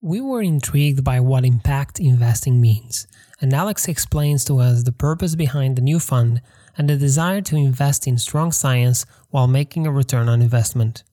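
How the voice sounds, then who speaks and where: A man hosting a podcast, reading scripted narration in an even, read-aloud delivery. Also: medium pitch, normal speed. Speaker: podcast host.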